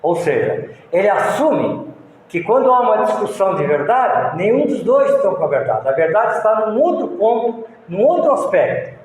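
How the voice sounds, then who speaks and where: High-voiced Brazilian lecturer in a booming hall. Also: male voice, sing-song, normal speed. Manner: folksy, rambling, many restarts. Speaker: spiritist lecturer. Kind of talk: moral lecture with storytelling. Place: lecture hall of a spiritist center. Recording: echoey hall, faint room noise.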